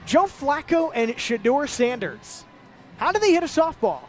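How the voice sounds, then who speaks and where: Very high-voiced male play-by-play announcer. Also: unhurried, slight background noise. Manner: lively home run calls, chatty asides. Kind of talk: live sports commentary.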